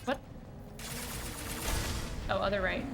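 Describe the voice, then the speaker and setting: A woman game streamer giving casual commentary, chatty, jittery and expressive. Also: medium pitch, takes it slowly. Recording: clear background game noise. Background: video game action.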